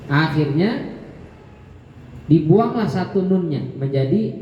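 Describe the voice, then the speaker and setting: A man teaching Quran commentary in a joking way, slowly drawing out Arabic words and acting out short dialogues. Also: animated. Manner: jokey, acts out dialogue with rising pitch. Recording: echoey hall, dull lo-fi sound.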